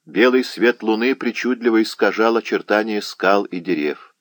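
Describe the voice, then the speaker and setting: A man narrating a historical novel as an audiobook, with dramatic, measured delivery. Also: lowish voice, dry recording. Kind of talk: expressive literary narration.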